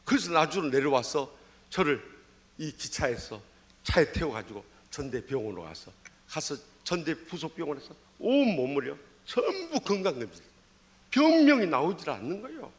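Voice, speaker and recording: Jeolla-accented pastor in his sixties, animated storytelling sermon, rather high voice. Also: normal speed. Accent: Jeolla Korean. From Jeolla, Korea. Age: 60s. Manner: storytelling with dramatic swings in pitch and loudness. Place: church sanctuary.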